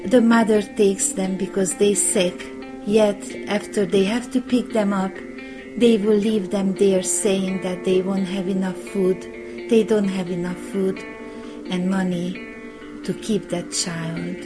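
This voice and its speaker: A woman from Romania speaks with a Romanian accent in a recorded charity appeal. She talks very slowly and earnestly at a middling pitch. Plucked guitar music plays clearly behind her. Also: little pitch movement, rough recording. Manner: slow, plain, earnest, non-native grammar. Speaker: charity founder.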